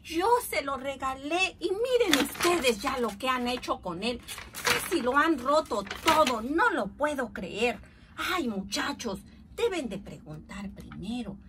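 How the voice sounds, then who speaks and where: A woman's voice: sits high, unhurried. Woman doing a fretful storybook uncle. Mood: upset. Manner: fretting, sighing exclamations. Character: fretful middle-aged man, fond of his hat. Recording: steady background noise.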